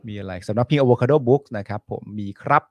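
A man co-hosting a casual live stream, animated and teasing, reading out viewer comments and jumping into sudden excited bursts. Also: mid-range voice, fairly quick, no echo. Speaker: co-host.

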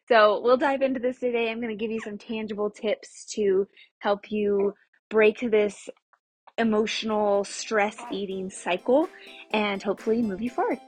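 A woman's voice: mid-range voice, fairly even intonation, a little slow, slightly rough, no echo, faint music behind. A woman in her thirties hosting a podcast as a dietitian, talking in an upbeat, chatty, friendly way. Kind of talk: casual podcast chat.

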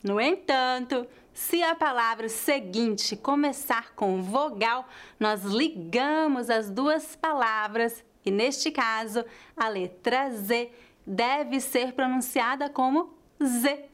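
Slow, careful Brazilian woman teacher. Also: a little high. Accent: mixed Brazilian Portuguese, closest to São Paulo. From Northeast Brazil. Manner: slow, careful, repeats example words deliberately. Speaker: language teacher. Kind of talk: pronunciation lesson.

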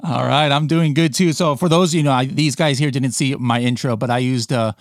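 A man's voice: mid-range voice, steady tone, brisk, no room sound. Man, podcast host, upbeat, chatty, self-deprecating, dry mic. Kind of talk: casual interview chat.

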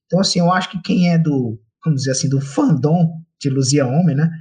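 A man's voice: a little high, a little fast, a little mellow. A young Brazilian man, a comics artist, talking casually and rambling with lots of fillers and tag questions. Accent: Brazilian Portuguese. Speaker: comics artist and co-author of an adaptation. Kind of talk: conversational interview talk.

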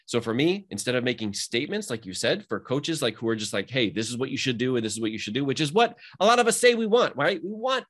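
Male coach, rapid motivational delivery, animated emphasis. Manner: energetic, motivational, rising pitch when emphatic. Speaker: mindset coach. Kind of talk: casual podcast conversation.

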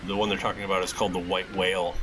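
A man's voice: low-pitched, level tone, rapid-fire, fairly bright tone. A man narrating a tabletop game as its game master. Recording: clear background noise.

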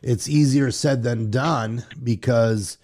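A man's voice: medium pitch, slow. A middle-aged man hosting a casual interview, laughing often and joking about himself. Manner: laughs often, animated and self-deprecating. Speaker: podcast host.

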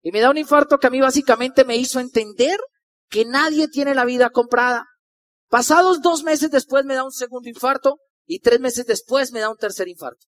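A man's voice: extremely high pitch, a little fast, a bit bright. A Colombian man giving a personal storytelling talk as a motivational speaker, acting out the dialogue in his story as he goes.

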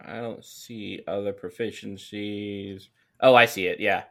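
A man's voice: on the low side, steady tone, unhurried, fairly bright tone. A man playing a tabletop game, chatting casually in a playful, jokey way.

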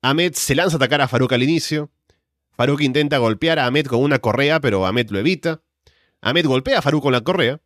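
A man with a mid-pitched voice recaps matches in the manner of a wrestling commentator. He goes through the action move by move, and the recording is close and dry. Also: brisk, fairly bright tone, dry recording. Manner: recounts moves step by step in present tense.

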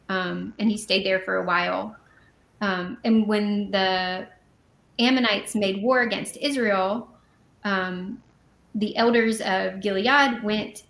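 This woman co-hosts a conversational Bible study podcast, reading scripture aloud and then unpacking it casually with fillers and quick self-corrections. She has a mid-range, gravelly voice, and the room adds a noticeable echo.

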